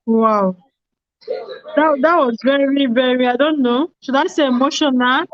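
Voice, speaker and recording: A woman's voice: sits high, measured pace. A woman hosting a casual conversation, stammering at times and reacting with sympathy. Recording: dry, muffled lo-fi sound.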